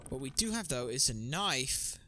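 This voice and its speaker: A man doing let's play commentary, thinking aloud and getting excitable about a puzzle game. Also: mid-range voice, moderate pace, slight background noise. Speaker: gaming streamer. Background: background music.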